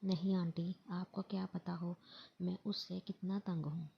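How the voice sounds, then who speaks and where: Here is a young man who needles people on purpose and is easily irritated, read by a woman narrator. He has a low, flat, gravelly voice with a husky rasp. It sounds dull and lo-fi, like a storybook reading. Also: unhurried, heavily acted. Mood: irritated teasing. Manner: teasing, irritated.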